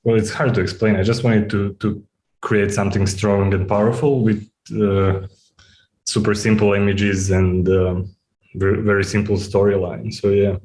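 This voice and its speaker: Low flat-voiced serbian guy, short plain answers at a q&a. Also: normal speed, rough recording. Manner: plain, brief, searching for words. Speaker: film director. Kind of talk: festival Q&A.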